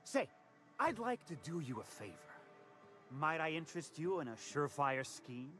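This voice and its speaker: A stammering sly hustler. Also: male voice, fairly high pitch, sing-song, normal speed, bright, forceful tone, faint music behind. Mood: wheedling. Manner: stammering, wheedling salesman patter. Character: slippery fast-talking male hustler, nervous and evasive. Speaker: game character.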